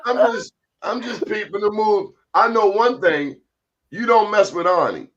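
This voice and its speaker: Male talk host, fairly high and very animated, colloquial comic storyteller, slightly dull audio. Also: unhurried. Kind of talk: casual chat, comic storytelling.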